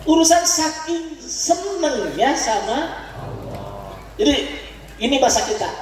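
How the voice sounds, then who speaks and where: A man's voice: very high-pitched, background noise. A man preaching with a Sundanese accent, leading the congregation in call-and-response and chuckling between points. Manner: leads the crowd in call-and-response, chuckling often. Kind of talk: religious study sermon to a congregation. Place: large hall at a religious gathering. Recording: echoey hall, voice from far off.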